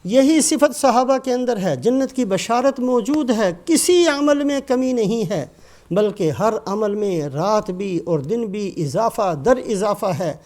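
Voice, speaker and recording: A man's voice: sits high, expressive, a little mellow. An older man giving a sermon with Quran commentary, emphatic and rising and falling, breaking into Arabic recitation.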